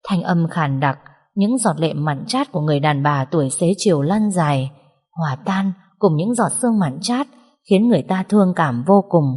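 Casting a woman storyteller, breathy and mournful, with long reverb. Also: lowish voice, animated, normal speed, darkish tone. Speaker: narrator. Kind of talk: scripted narration of a sad story.

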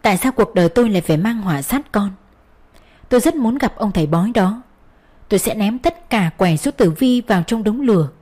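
A woman reads a first-person story aloud in an earnest, sorrowful tone. Her voice sits at an ordinary middle pitch. The delivery is a steady storybook narration. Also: brisk. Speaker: audiobook narrator.

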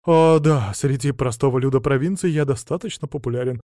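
A man's voice: medium pitch, fairly quick, warm tone, no room sound, clean studio sound, close to an everyday voice. A man voicing an overexcited young male bard who pleads and gushes, in an audiobook. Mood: eager. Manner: gushing, pleading.

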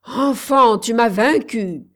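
A woman voicing a wicked old female witch in a storybook, commanding and shrill when she rages. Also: big pitch swings, a little slow. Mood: shrieking.

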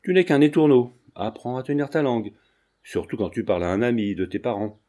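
A man's voice: fairly low pitch, lively intonation, a little fast, dark tone, close to an everyday voice. A man voicing a jovial, sententious old retired lawyer in his sixties, bantering and lecturing at the dinner table. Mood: stern. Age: 60s.

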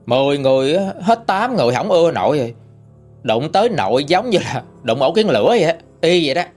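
A man with a Southern Vietnamese accent telling a ghost story in a lively, chatty way with dramatic rises. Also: medium pitch. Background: faint music.

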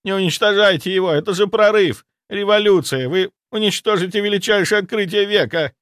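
A man voicing a fanatical male healer serving a cult, hysterical and zealous in a shrill, frantic voice. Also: sing-song, moderate pace, fairly bright tone, no echo, clean studio sound.

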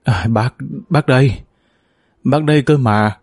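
Man as a gentle old retired colonel, grandfatherly, unhurried, mellow voice, dry close sound. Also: mid-range voice, dry recording, close to an everyday voice. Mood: fumbling, gentle.

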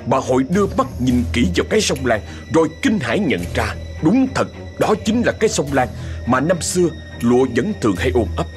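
A man's voice: medium pitch, brisk, soft background music. A man narrating a ghost story dramatically. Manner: dramatic, expressive.

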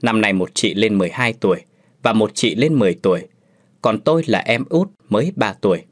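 A man narrating a first-person story as a storyteller in scripted narration, with lively, expressive delivery. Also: fairly low pitch, fairly quick.

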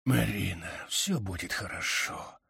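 A man voicing a frightened, breathless 65-year-old father who mumbles quietly. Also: mid-range voice, very animated, a little slow, slightly rough, dry recording, studio quality, full character voice.

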